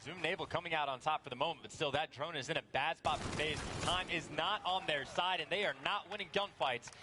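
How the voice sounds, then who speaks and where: A man giving measured, analytical esports color commentary. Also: a little high, noisy background.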